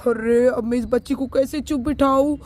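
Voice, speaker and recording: A flustered, fussy young husband in a homemade doll story, voiced by a woman. The voice sits fairly high for the part and keeps breaking into exclamations and pleas. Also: steady tone, normal speed, darkish tone. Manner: exclaims often, pleading.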